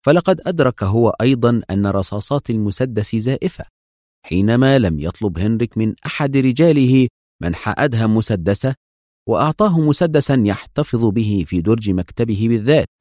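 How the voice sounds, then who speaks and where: A man narrating an adventure novel in a measured, storytelling manner. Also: medium pitch, animated, dark tone, no echo, studio quality. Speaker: audiobook narrator.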